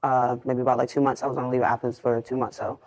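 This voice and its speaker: A woman's voice: very deep voice, level tone, fast, a little mellow. A woman defendant in a TV court, answering questions briefly and hesitantly.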